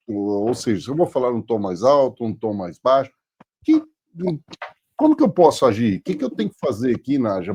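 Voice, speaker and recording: A man's voice: mid-range voice, warm tone, slightly rough. A man from Brazil hosting a casual business talk show, asking loose, rambling questions full of restarts. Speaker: podcast host. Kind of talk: casual interview chat.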